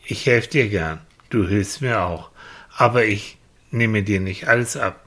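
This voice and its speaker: A man playing a patient, fair-minded friend who calmly lectures and sets limits in a children's puppet comedy. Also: on the low side, measured pace. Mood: lecturing.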